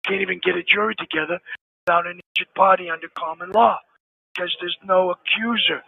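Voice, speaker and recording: A man phones in from prison, and his high, gravelly voice comes through a thin, tinny phone line. He speaks earnestly and hammers his points home by saying them again. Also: fairly quick. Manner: earnest, emphatic, repeats key phrases. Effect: heard over a prison phone line. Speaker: caller, an inmate phoning in. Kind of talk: phone interview.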